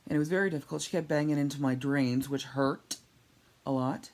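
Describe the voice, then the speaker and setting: Lying down at home with a tablet held above her, a woman recovering from surgery records a casual video diary. Her voice sits low with a darkish tone and moves fairly quickly, and she sounds weak and sore as she rambles in a candid, wry manner.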